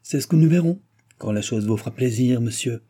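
A man voicing a calm, courteous young officer who speaks formally. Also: medium pitch, a little fast, breathy edge, natural voice. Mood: composed.

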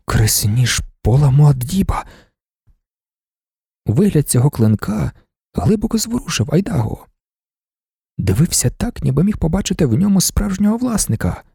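Gravelly, expressive male audiobook narrator. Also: high-pitched, normal speed, no room sound, studio quality. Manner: expressive, dramatic reading. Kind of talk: scripted novel narration.

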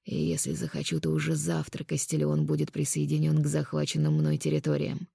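A woman voicing a cruel male conqueror in an audiobook, speaking low, hushed and taunting. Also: brisk, creaky, breathy edge, dry recording, clean studio sound, full character voice. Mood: cold menace. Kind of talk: audiobook character voice.

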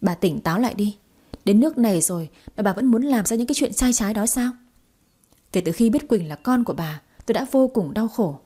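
A woman's voice: medium pitch, expressive, brisk, mellow, slightly rough. A woman voicing a young man who sounds apologetic and reproachful in turns. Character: young man, remorseful ex-lover.

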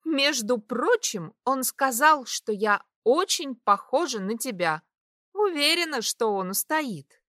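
A woman voicing an excitable, tipsy young woman who goes high and loud when upset. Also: slow pace, no room sound, clean studio sound, full character voice. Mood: jealous.

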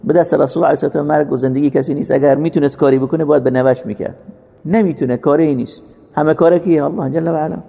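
A man delivers a religious lecture in a gravelly, mellow voice with a fairly high pitch. He explains texts patiently and rises into emphatic, drawn-out recitation of quoted lines. The sound carries a long hall reverb. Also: steady tone. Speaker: Islamic teacher explaining hadith.

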